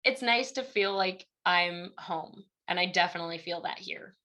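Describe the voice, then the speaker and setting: She's a young university instructor from Illinois, Midwestern accent and all, chatting casually in an interview and acting out the dialogue in her stories. Her fairly low voice runs at normal speed and sounds pushed and bright.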